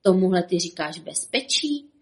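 A woman's voice: on the low side, lively intonation, darkish tone, natural voice. A woman voicing a curious, easily startled male cartoon rabbit who asks anxious questions. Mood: wondering.

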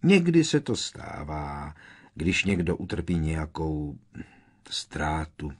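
A man voicing a sorrowful old gentleman ghost who speaks quietly and hesitantly in an audiobook. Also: extremely low pitch, big pitch swings, heavily acted. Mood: mournful. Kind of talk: audiobook character reading.

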